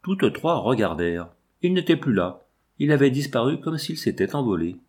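A man narrating a classic novel as an audiobook, in a measured literary reading. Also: mid-range voice, very animated, darkish tone.

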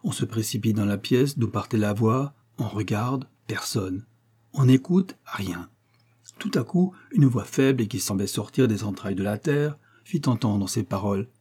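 A man narrating a comic short story in a measured, expressive audiobook reading. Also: fairly low pitch, breathy edge.

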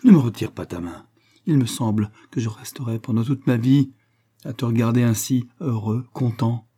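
A man reading the part of a young man deeply moved by love, speaking in an earnest, emotional way in an audiobook. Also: normal speed, warm tone, slightly rough, lightly acted.

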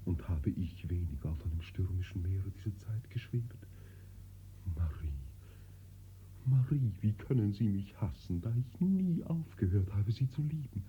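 A man's voice: lowish voice, animated, measured pace, slight background noise. An actor playing an impassioned young nobleman begging forgiveness, fervent and sinking into pleading whispers, in 1940s radio acting on a dull, lo-fi old radio recording.

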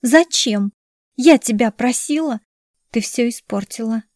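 A woman voicing a frightened, desperate young woman with a higher, pleading, frantic voice. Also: a little slow, darkish tone, dry recording, studio quality, lightly acted. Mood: angry.

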